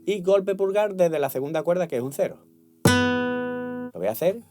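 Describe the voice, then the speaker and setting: A man's voice: high voice, lively intonation, moderate pace. A man teaching flamenco guitar, patiently explaining and counting beats, often checking in with "¿vale?". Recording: guitar playing loud behind voice.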